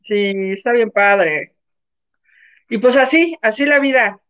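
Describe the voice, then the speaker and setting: High-voiced Mexican woman telling a story. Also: slow pace. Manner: animated, acts out voices in her anecdotes. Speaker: co-host. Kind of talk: casual chat, storytelling. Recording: muffled lo-fi sound.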